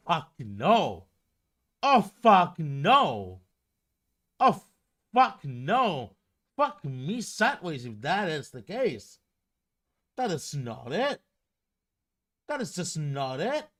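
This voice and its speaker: A man's voice: medium pitch, fairly bright tone. A man streaming live and ranting heatedly, swearing and repeating himself for emphasis. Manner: profane, repetitive, heated ranting.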